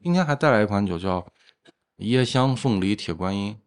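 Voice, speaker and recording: A man's voice: on the low side, animated, normal speed, smooth. A man talking casually as a craft brewer being interviewed, explaining things in an agreeable, affirming way.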